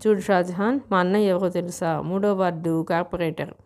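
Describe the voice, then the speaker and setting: A young woman snaps back curtly, standing her ground as a woman narrator reads her. The voice stays low and mellow, as in a novel read aloud. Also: fairly even intonation, fairly quick, lightly acted. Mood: angry. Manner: sharp, curt.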